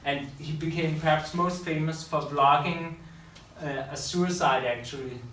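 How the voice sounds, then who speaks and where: Recorded far off in an echoey room with a faint hiss, this man's voice is a little high and a bit bright, with fairly even intonation and a measured pace. He's a public speaker and school teacher delivering an unscripted talk to an audience, often fixing his wording mid-sentence.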